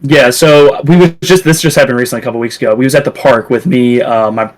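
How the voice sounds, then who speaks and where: A man who is a podcast guest, telling a rambling, animated story in casual chat. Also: medium pitch, fast talker.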